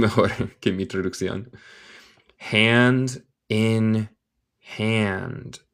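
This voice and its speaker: A man's voice: lowish voice, a bit bright. A man from Michigan with an American accent, a native English speaker teaching in Spanish, who reads a story word by word, then repeats and translates it. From Michigan, United States. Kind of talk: live reading lesson, chatting with viewers.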